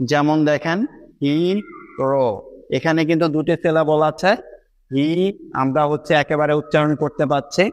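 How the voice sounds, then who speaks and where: A young man teaching English pronunciation rules patiently, often checking that his viewers follow. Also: fairly high pitch. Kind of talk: explaining a lesson to students.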